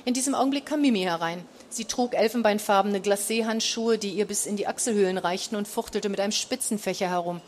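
A woman's voice: medium pitch, fast talker, few pauses, a little hiss or hum. Woman reading a storybook aloud. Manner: reads dialogue with light voice changes, occasional fillers. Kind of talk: storybook reading with character voices.

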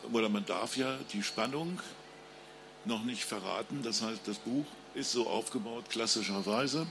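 Gravelly guy reading his crime novel to a crowd at a reading, chatty asides. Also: mid-range voice, noisy background. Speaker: author. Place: public book reading with audience.

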